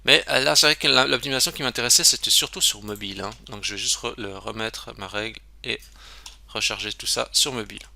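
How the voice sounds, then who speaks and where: A man's voice: mid-range voice, brisk, creaky, bright, forceful tone. A man giving a casual screen-recorded web tutorial, chatty and self-interrupting, with lots of fillers.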